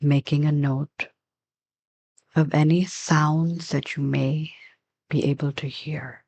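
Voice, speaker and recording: As a meditation teacher, a deep-voiced woman keeps a level tone while leading a guided session. Her directions come softly and slowly, with long silences in between.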